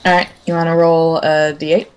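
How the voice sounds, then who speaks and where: A game master running a live tabletop session in a relaxed, chatty way, talking while eating. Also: mid-range voice, normal speed, clean tone. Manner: casual, talks while eating.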